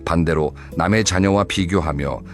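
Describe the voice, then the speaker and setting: A man narrating a scripted advice talk in a calm, measured, instructive way. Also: low-pitched, soft background music.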